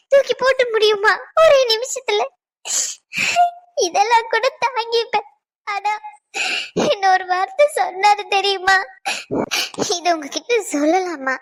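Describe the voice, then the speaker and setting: A tearful young cartoon wife , voiced by a woman, pours out her hurt in a very high, thin voice. She pleads between sobs, and her voice keeps breaking. Her grief is raw. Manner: sobbing, pleading confession. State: crying. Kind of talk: cartoon voice acting.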